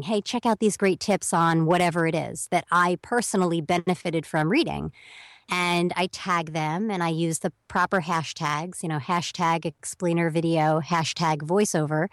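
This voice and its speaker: A young woman, a voiceover talent, appears as a guest on an interview podcast, explaining things at length in a chatty way and acting out the messages she quotes. Her voice is lowish, and the studio sound is clean with no room echo.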